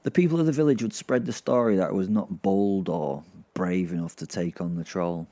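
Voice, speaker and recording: A podcast host tells a first-person dramatic fantasy story in an informal, rambling way. His voice is deep and warm, and he speaks a little fast.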